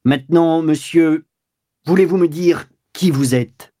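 A man's voice: fairly high pitch, measured pace, voice pushed up, close to an everyday voice. A man reading aloud, voicing a stern middle-aged police commissioner who speaks formally and commandingly. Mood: stern official. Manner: formal, commanding, rising to sharp outbursts.

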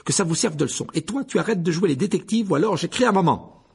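A man voicing a pompous, bossy teenage prefect who scolds loudly. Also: sits high, lively intonation, fast talker, vocal fry, slightly rough, pitched above the performer's own voice, full character voice. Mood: scolding. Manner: loud and scolding.

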